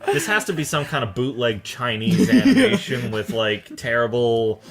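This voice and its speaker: Young male co-host, wry, animated pitch. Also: a crowd in the background. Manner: quick wry commentary, steering the show. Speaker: podcast co-host. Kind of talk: casual comedic banter.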